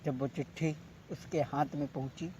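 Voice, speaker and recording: A man with a rural north Indian accent telling a folk tale in drawn-out singing and spoken narration, recorded on old worn tape. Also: a little high, steady tone, warm tone. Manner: long drawn-out sung lines, plain spoken narration between. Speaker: folk ballad singer and storyteller. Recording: muffled, noisy old worn cassette tape.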